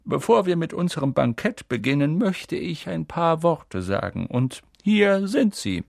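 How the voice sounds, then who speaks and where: A man voicing a jolly, eccentric old male wizard headmaster, speaking slowly, loudly and grandly in an audiobook. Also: fairly high pitch, very animated, creaky, dry recording, clean studio sound, voice pushed up, full character voice. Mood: grand, cheerful. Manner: slow, loud, grandly welcoming. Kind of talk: audiobook character voice.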